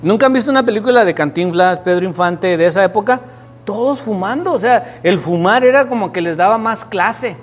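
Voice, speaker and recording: High-voiced preacher in a hall. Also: male voice, animated, fairly quick. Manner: storytelling preacher, rising to emphatic peaks, asks the congregation questions. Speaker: pastor. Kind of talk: sermon.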